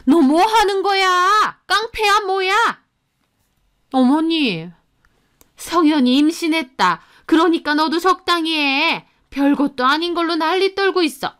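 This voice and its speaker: A woman voicing a bossy, harsh middle-aged mother-in-law in a radio drama, talking in a sharp, scornful way. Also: sits high, animated, moderate pace, voice pushed up. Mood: scolding. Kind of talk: Korean story radio drama.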